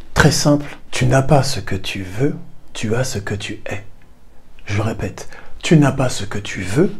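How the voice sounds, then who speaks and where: Husky man explaining points to viewer. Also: mid-range voice, mellow. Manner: addresses viewer directly, repeats key points with emphasis. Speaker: host of a personal growth channel. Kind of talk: explanatory talk to camera.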